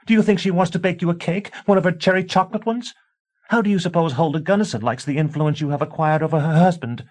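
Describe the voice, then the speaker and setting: A male narrator takes on the part of a panicked young wife with a hidden practice of witchcraft. She comes out shrill while begging and accusing, and his voice has a slightly mellow quality.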